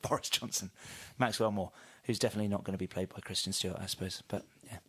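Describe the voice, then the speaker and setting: A man's voice: lowish voice, fast, a bit bright, slightly rough. A man hosting a casual podcast, reading out film news in a chatty, hesitant way with many fillers. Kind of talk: casual chat.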